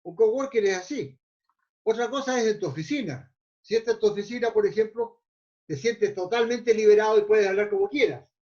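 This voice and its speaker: A mindfulness teacher speaks to his class in a rather high male voice with a somewhat dark tone, talking a little fast. His delivery meanders, and he stumbles over repeated words hunting for the next phrase; the audio is muffled and lo-fi.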